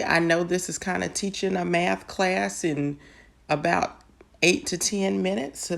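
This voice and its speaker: A woman's voice: fairly low pitch, gravelly. A woman patiently explaining math step by step in an online lesson. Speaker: math teacher.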